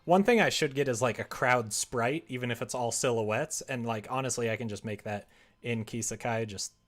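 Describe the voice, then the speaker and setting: A man with a mid-range voice and moderate pace chats casually on a livestream while making a visual novel. He rambles and thinks out loud, often putting himself down.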